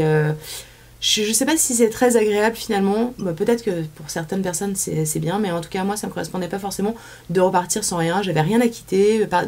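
Speaking with a French accent, this thirtysomething woman from France is an interview guest who chats loosely, often restarting and using fillers. Her voice sits at a medium pitch with a somewhat dark tone. She's recorded indoors on a small studio set.

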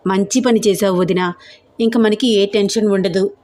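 A woman voicing a frank, lively young woman who reassures her sister-in-law. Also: medium pitch, moderate pace, natural voice.

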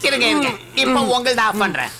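A woman's voice: on the high side, big pitch swings, fast. A woman dubbing a chatty young woman in a film, talking in a teasing, fussing way over a film score.

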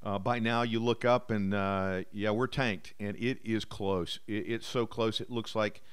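A man's voice: on the low side, fairly even intonation, a little slow, clean tone. A man who is a bomber pilot gives easygoing voice-over commentary on flight footage, explaining with frequent "uh" fillers.

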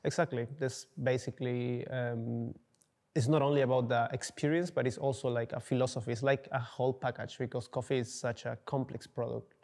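This young man from Peru, a coffee entrepreneur being interviewed, has a gravelly, slightly mellow mid-range voice with a level tone and a fairly quick pace. He gives casual answers while searching for words, with many fillers and restarts. The setting is a dark indoor studio.

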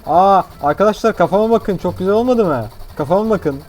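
Fast, excitable man narrating gameplay. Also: high voice. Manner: excitable, brash, jokey. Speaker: gaming YouTuber. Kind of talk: gameplay commentary.

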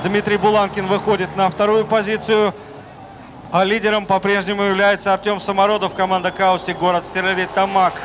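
A man's voice: sits high, little pitch movement, brisk. A man giving live race commentary as a sports commentator in an announcer-like manner. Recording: noisy outdoor track, engine noise behind. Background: motorbike engines and outdoor ambience.

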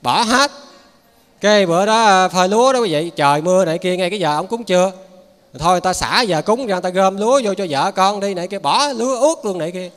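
A man's voice: high-pitched, animated, fast talker, a bit bright. A man with a Southern Vietnamese accent giving a Buddhist dharma talk as a lay preacher, in a folksy, conversational way with frequent asides to his listeners. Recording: reverberant hall.

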